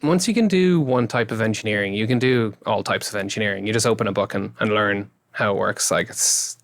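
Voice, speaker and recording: A man's voice: on the low side, a little fast, gravelly, fairly bright tone, no echo, studio quality. A man in his thirties with a west of Ireland accent, chatting casually as an interview guest in an informal, rambling way that often corrects itself. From Galway, west of Ireland. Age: 30s. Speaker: interview guest, YouTube creator and engineer.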